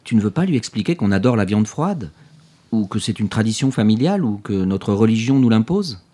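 A wry, easygoing father who slips dry jokes into tense moments. His voice sits very low, with a dark, mellow warmth. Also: sing-song, brisk. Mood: teasing. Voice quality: dry, teasing humor. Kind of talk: audiobook drama acting.

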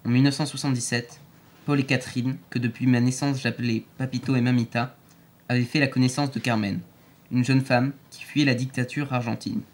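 Male audiobook narrator, mid-pitched voice, clear steady storytelling. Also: a little fast.

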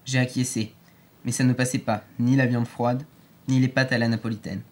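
A man reads an audiobook aloud in a clear, steady storytelling manner. His voice sits in a middle range for a man. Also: medium pitch, normal speed. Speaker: narrator. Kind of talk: audiobook narration.

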